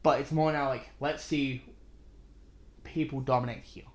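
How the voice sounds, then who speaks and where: A man's voice: mid-range voice, steady tone, moderate pace. Blunt ranting Australian man. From Western Australia. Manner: blunt, ranting, swears freely. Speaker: podcast co-host. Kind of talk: casual podcast chat.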